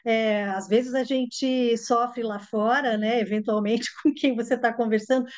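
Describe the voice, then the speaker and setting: A woman's voice: fairly high pitch, steady tone, unhurried, a little mellow. A Brazilian woman with a carioca accent, an English teacher answering interview questions in an explanatory way, with frequent fillers. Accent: carioca Brazilian Portuguese.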